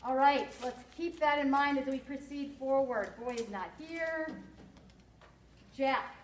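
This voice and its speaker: A woman teacher runs a reading lesson, explaining words and asking her students questions. Her voice sits fairly high. She is picked up from across a roomy classroom, with faint background noise. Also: a little slow, distant mic.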